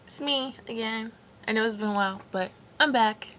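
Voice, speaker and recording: A woman's voice: on the high side, normal speed, noisy background. A woman vlogger chatting casually to her viewers in a playful, giggly, informal way. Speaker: podcast host and video vlogger. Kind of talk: casual vlog chat to camera.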